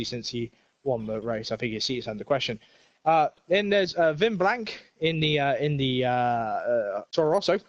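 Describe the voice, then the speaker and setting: A man's voice: medium pitch, dry recording. A young man commentating an online racing league, joking and rambling with lots of fillers, a little breathless and sick. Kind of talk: casual esports race commentary. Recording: dull lo-fi stream audio.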